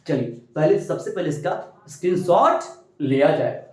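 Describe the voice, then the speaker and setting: A man teaching English grammar in an animated classroom-style lesson, drilling with repeated questions and answers and sometimes shouting for emphasis. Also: fairly high pitch, moderate pace, recorded from a distance. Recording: very echoey, from off-mic.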